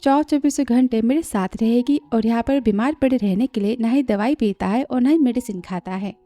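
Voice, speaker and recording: A woman's voice: a little high, brisk, warm tone, no room sound, faint music behind, close to an everyday voice. A woman reading a teasing lovesick young boss.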